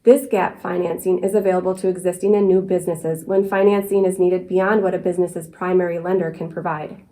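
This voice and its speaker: A woman's voice: fairly low pitch, flat delivery, a little fast, mellow, rough recording. A woman presenting scripted local community news.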